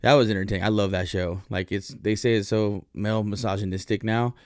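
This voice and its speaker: Brief: male host, casual profane storyteller, lower voice, dry close sound. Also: steady tone, fairly quick, a little mellow, no echo. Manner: rambling, profane, lots of fillers. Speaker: podcast host.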